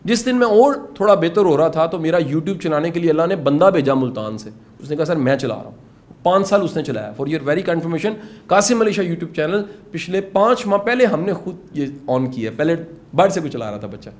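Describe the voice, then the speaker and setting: A middle-aged man with a Punjabi accent speaks to a room of course participants in an earnest, urging way, slipping English phrases into his talk. His voice sits a little high for a man. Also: expressive, darkish tone. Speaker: motivational speaker teaching a course. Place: indoor classroom with participants.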